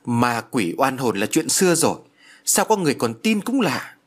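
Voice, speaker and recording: A headstrong young city woman, as a male reader voices her, pressing her point with a husky, animated voice. An audiobook character voice. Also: mid-range voice, moderate pace. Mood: insistent.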